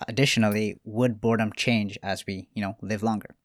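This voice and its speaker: A man hosts an interview at a rapid clip, his voice low. His questions are brisk and to the point. The recording is dry and close, with no room sound. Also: fairly even intonation, dry recording. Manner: brisk questions, brief agreement. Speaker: interviewer host.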